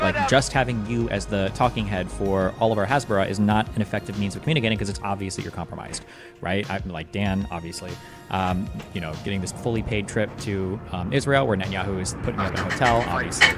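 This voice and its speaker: A man's voice: on the low side, brisk, over loud music. A man streaming and reacting to clips in casual, rambling, profane talk.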